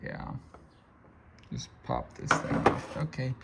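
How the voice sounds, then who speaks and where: An American man in a casual DIY car repair vlog, muttering low and sighing as he works on a stuck part. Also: wildly swooping pitch, slow, vocal fry, heavy background noise. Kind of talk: casual chat while working.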